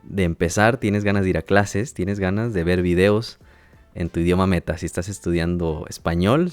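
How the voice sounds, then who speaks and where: A Spanish-speaking language teacher who hosts a podcast talks in a calm, low, measured voice, checking in with listeners like a teacher and laughing lightly now and then. The educational monologue is recorded without any echo.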